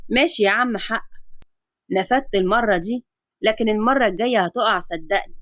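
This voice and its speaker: A man's voice: sits high, a little fast, a bit bright, no room sound, clean studio sound. A woman voicing a jokey, prying young Egyptian man ribbing his coworker. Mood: joking. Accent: Egyptian Arabic.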